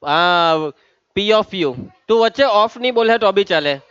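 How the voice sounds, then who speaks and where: A man's voice: high voice, animated, unhurried, a bit bright, clean tone, dry recording, lo-fi sound. A man teaching a maths lesson, teasing and calling on students by name. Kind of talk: lively classroom lesson.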